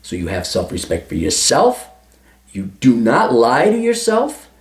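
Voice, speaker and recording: In an echoey room, a male advice vlogger responds to a listener's letter with coarse, forceful advice, cursing liberally throughout. His mid-range pitch swoops wildly even as he keeps a measured pace.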